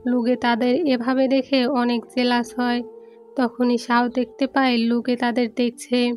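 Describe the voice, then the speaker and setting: A woman narrating a film recap in a steady, even storytelling read, with soft music underneath. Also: fairly high pitch, unhurried. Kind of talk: scripted movie recap narration.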